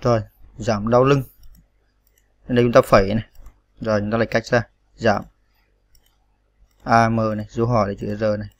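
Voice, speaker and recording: A man's voice: fairly low pitch, level tone, a little fast, long pauses, no room sound, dull audio. Patient man spelling out keystrokes. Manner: patient, spells out each key, many fillers. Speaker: computer tutorial instructor. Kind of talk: step-by-step screen tutorial.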